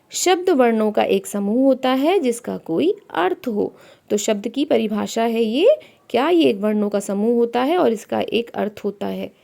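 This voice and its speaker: A woman teaches a primary-school grammar lesson, her voice a little high and edged with gravel. She explains each point step by step and keeps asking her pupils questions before she answers them herself. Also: mellow.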